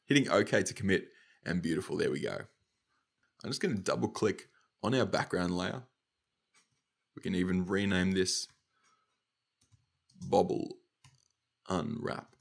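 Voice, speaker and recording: A young Australian man with a slightly nasal, stuffy voice, casually talking through a software tutorial step by step. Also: sits low, a little slow, creaky, pauses often, slightly rough. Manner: casual, upbeat, talks through each click. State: nasal from hay fever. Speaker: motion design tutor.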